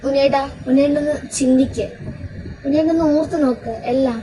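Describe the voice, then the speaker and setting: A woman's voice: high voice, quick pace, warm tone, lightly acted, low-quality recording. A woman playing an earnest young woman in a home audio drama, steadily reasoning and persuading. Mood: pleading. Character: earnest young woman pleading with her elder. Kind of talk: amateur audio drama acting. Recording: recording with crowd noise behind.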